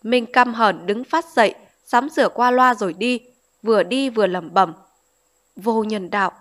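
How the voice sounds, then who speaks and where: A woman reading a novel aloud as an audiobook narrator, in steady storytelling. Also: on the high side, normal speed.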